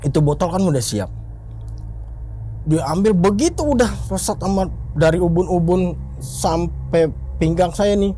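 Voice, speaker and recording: A man telling a story casually, his voice jumping high as he relives the pain. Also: animated, a little slow, mellow, faint music behind. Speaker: interviewee telling a ghost story.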